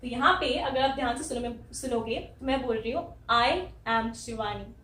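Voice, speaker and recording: Indian lady teacher, high voice, spells stuff out slow, echoey room a bit off mic. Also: fairly even intonation, pushed and bright, distant mic. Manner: slow, careful, spells out sounds letter by letter. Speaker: English teacher. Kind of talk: spoken language lesson.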